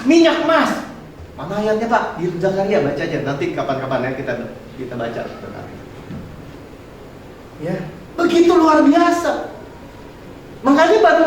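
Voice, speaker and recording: Pastor, male, high-pitched and swinging, heard from far off in a booming hall. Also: a little hiss or hum. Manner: animated and colloquial, mixing English words. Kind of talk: sermon. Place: church hall.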